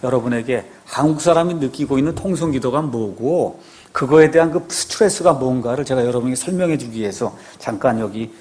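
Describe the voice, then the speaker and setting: A man's voice: mid-range voice, brisk, darkish tone. Man preaching with rhetorical questions. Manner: conversational preaching with rhetorical questions and frequent affirming "yes". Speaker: pastor. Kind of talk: sermon.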